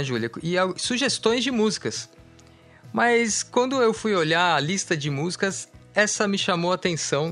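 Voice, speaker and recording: A man's voice: on the high side, fairly bright tone. A man co-hosting a radio music show, chatting easily and correcting himself as he thinks aloud. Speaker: radio host. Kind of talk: casual radio chat introducing songs.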